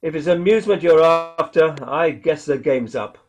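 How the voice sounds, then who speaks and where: An actor playing a jumpy, defiant militiaman surviving alone, with a folksy, halting, agitated delivery in a radio play. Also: on the high side, darkish tone, dull audio, natural voice. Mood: defiant, scheming. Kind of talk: dramatic radio play dialogue.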